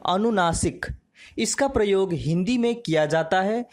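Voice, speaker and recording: A woman teaching a grammar lesson, slow and measured, drawing out each example word. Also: medium pitch, a little mellow.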